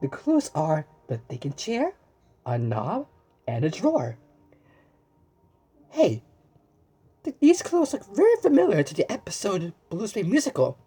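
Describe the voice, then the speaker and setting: Her voice is lowish and dark with a breathy edge, swinging hugely in pitch as she reads a children's story aloud. Full of exclamations, she asks the listener questions, pauses as if answered, and often stumbles and repeats words, adding asides to the viewer.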